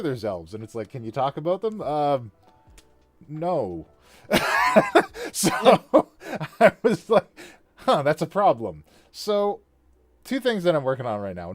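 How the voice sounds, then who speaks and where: A man hosting a casual chat about building a fantasy world, talking in a lively way with frequent laughs and restarts. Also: fairly low pitch. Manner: animated, laughs often, trailing restarts. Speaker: podcast host and worldbuilder.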